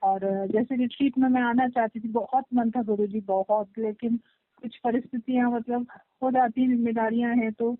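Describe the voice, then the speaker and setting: A woman calling her meditation teacher, speaking respectfully and hesitantly, with many fillers and pauses. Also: a little high, fairly even intonation, no room sound. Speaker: caller, meditation student. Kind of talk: phone call with her teacher. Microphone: phone call. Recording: tinny phone line, dry.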